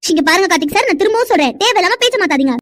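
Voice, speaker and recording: A woman voices a young cartoon woman with a very high, bright voice. She talks extremely fast in quick, indignant retorts. The sound is dry and close. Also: lively intonation, dry recording. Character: young woman Vino, quarrelsome fiancée. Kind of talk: cartoon dubbing.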